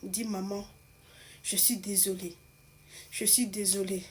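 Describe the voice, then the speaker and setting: A woman voicing a frightened, remorseful teenage girl who confesses in a soft, hushed way. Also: mid-range voice, fairly even intonation, moderate pace, slight background noise, natural voice.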